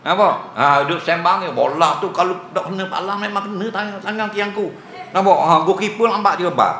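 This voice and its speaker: A man's voice: sits high, fairly quick, sharp tone, slight background noise. A man with a Terengganu Malay accent gives an evening religious lecture as a teacher, joking and teasing his audience and laughing often. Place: village prayer hall. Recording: echoey hall with faint ambience.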